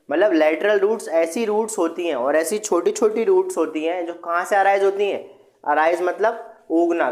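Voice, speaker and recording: A young male teacher with a slightly high voice, explaining a lesson to students step by step. He asks a question again and again, then answers it himself. He mixes English words into his explanation. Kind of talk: online class lesson.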